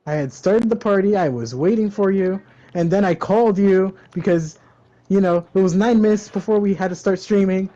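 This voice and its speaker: A man's voice: high voice, normal speed, mellow, lo-fi sound. A young man co-hosting a podcast, chatting casually with a laid-back, teasing, slangy manner. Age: young adult. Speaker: podcast co-host. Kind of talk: casual chat.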